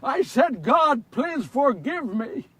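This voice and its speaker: A man playing Simon Peter, a remorseful fisherman apostle, telling his story in a first-person monologue. He moves between hushed confession and loud anguish. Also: sits high, sing-song, unhurried, breathy edge, dry recording, distant mic, exaggerated voice.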